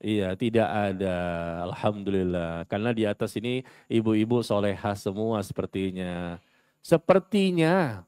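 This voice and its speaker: A man giving a sermon in a mosque, lively and theatrical, acting out quoted voices and asking the congregation questions. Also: lowish voice, moderate pace, smooth, no room sound, clean studio sound. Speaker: preacher.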